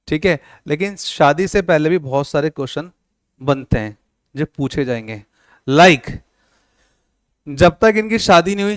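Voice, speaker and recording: A man's voice: on the high side, smooth, no room sound, clean studio sound. A man teaching a classroom lecture, joking with and quizzing his students, mixing with words. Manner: playful, teasing students with questions.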